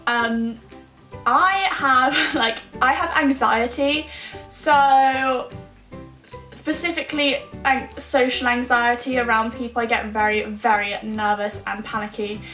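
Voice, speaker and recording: A young woman telling a comic personal story to camera in an animated, self-deprecating way. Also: a little high, slow pace, soft background music. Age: young adult. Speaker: vlogger. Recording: echoey room.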